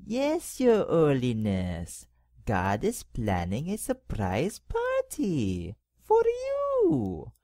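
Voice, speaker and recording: An actor playing a power-hungry cardinal who talks to the pope in a condescending, mock-polite way in an audio drama. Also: male voice, a little high, wildly swooping pitch, very slow, gravelly, warm tone, no echo, studio quality, heavily acted. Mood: sneering.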